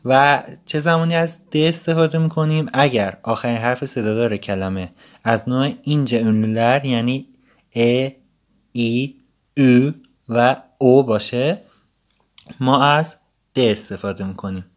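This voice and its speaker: A man giving a casual, patient language lesson, explaining grammar rules step by step. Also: mid-range voice. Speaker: Turkish language teacher.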